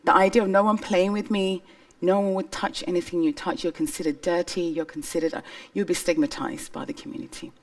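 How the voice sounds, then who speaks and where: Woman speaker from Somalia, lowish voice, earnest stage testimony, a bit off-mic. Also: little pitch movement, brisk, far from the mic. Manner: earnest, emphatic storytelling. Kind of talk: personal testimony talk. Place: stage before an audience.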